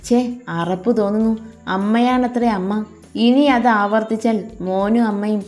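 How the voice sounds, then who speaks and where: A woman's voice: fairly high pitch, steady tone, normal speed, a little mellow, faint music behind, lightly acted. A woman voicing a hot-tempered, protective young man with a fierce, commanding way of talking, reading from an audio novel.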